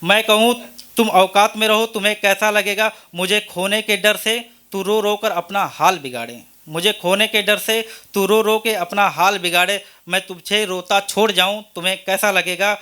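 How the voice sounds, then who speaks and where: A man's voice: high-pitched, moderate pace, bright, forceful tone, clear, resonant tone. A man at an open mic reciting a long, repetitive poem line by line, with a Hindi accent. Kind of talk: reciting poetry. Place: open mic event venue.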